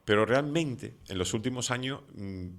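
Hosting a radio interview, this middle-aged man speaks in a mid-range, slightly bright voice at normal speed. He is not from the islands and has a non-Canarian Spanish accent, and he comes across as talkative and opinionated, using many fillers in the conversation.

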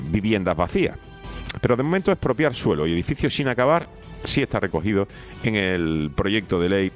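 Low-voiced radio news man. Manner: opinionated, frequent hesitations and self-corrections. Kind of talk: radio news review with personal commentary.

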